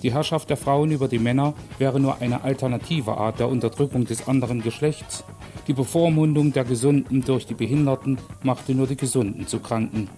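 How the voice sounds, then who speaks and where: A man reading a story aloud and then giving measured, earnest commentary as a radio presenter. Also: medium pitch, fairly even intonation, warm tone, soft background music.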